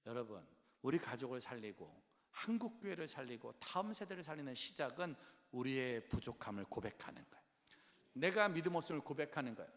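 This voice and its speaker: Animated preacher in a reverberant hall. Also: male voice, medium pitch. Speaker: pastor. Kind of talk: revival sermon. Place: large church worship hall. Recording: long church hall reverb.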